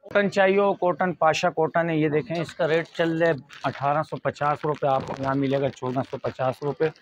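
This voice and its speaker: A man in his thirties with a Pakistani accent, giving an informal, repetitive sales pitch as a fabric shop salesman. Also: steady tone, moderate pace, slight background noise. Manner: repetitive, price-quoting salesman's patter. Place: small fabric shop indoors. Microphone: lapel mic. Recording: dull, muffled lo-fi audio.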